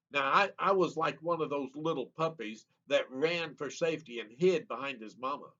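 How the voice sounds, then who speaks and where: A man in his seventies reading his own childhood memoir aloud in an unhurried, reminiscing, plain-spoken way. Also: mid-range voice, sharp tone. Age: 70s. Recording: slightly muffled lo-fi recording.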